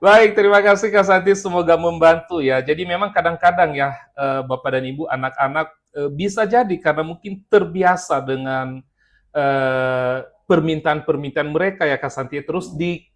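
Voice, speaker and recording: A man's voice: fairly high pitch, normal speed. Hesitant man hosting a seminar. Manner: hesitant, many fillers. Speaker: host. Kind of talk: moderating a seminar talk.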